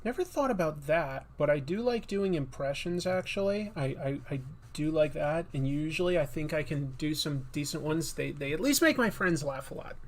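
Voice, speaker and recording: The voice is a bit high and slightly nasal, with lively intonation at a moderate pace. He's a comic artist hosting a casual livestream while drawing, and he rambles in a chatty way, with many fillers and restarts.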